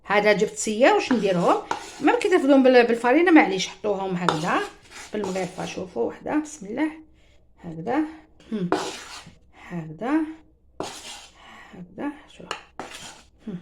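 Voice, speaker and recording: A woman's voice: medium pitch, big pitch swings, fairly quick, creaky, long pauses, noisy background. A woman with an Algerian Arabic accent gives a chatty home cooking demonstration, talking straight to her viewers and mixing in French words. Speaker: cooking show host.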